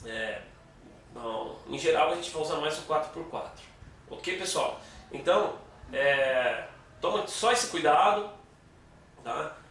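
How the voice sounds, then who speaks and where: A man's voice: on the high side, lively intonation, slow, pauses often, fairly bright tone, a little hiss or hum. A Brazilian man giving a casual guitar lesson, patiently explaining and counting beats aloud. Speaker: guitar teacher. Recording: echoey room, mic at a distance, guitar playing.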